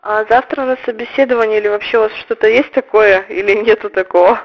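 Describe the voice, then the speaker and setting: A woman's voice: medium pitch, fairly even intonation, fast. A woman of nineteen calling over a landline phone, asking questions in a tentative, casual way. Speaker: caller enquiring about a job. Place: on a telephone line. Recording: muffled landline phone call.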